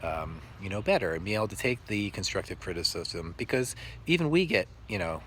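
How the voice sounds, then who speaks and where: A male teacher telling reflective stories about his work in an earnest, halting way with many pauses. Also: lowish voice, sing-song, fairly bright tone, slight background noise. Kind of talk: reflective storytelling monologue.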